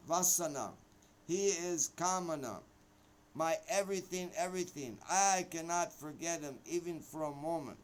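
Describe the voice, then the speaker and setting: A man voicing a gentle devout young man who speaks in a calm, controlled way. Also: fairly high pitch, clean tone, low-quality recording. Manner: calm, controlled, softly devotional.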